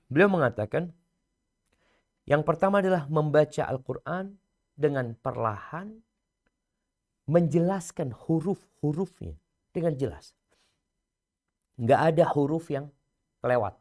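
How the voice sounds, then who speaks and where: A man giving a religious lecture, swinging from loud emphasis to hushed, near-whispered lines and chanting scripture slowly. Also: fairly high pitch, expressive. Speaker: preacher.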